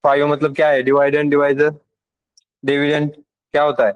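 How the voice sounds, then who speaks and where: Teacher, slightly high, dry sound. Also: male voice, completely flat delivery, moderate pace, clean tone, no room sound, muffled recording. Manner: asks the class questions, mixes in English. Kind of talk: classroom lecture.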